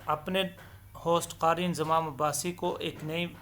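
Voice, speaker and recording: Male recitation teacher, slightly high voice, patient explainer who stretches out letter sounds in long, loud demos. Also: flat delivery, slight background noise. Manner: draws out each letter sound slowly and loudly in demonstration; patient explanatory tone, mixes in English terms. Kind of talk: step-by-step letter pronunciation lesson.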